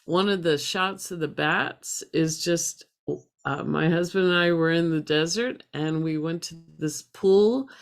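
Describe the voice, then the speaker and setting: A woman's voice: sits low, creaky. A woman reflecting on her art project on a video call, rambling and thoughtful. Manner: reflective, rambling, restarts often. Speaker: artist presenting a project.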